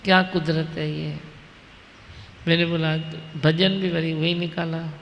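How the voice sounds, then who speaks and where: Slow, gravelly woman. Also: low voice, level tone, slight background noise. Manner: unhurried, vivid storytelling with quoted asides. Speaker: spiritual teacher leading a satsang. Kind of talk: storytelling devotional talk. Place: large hall with an audience. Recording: long reverb of a hall.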